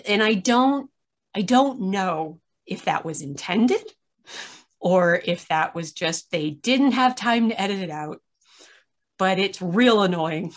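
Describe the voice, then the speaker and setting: A tired woman chatting casually over a video call, giving a candid critique and laughing often as she complains. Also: mid-range voice. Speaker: podcast reviewer.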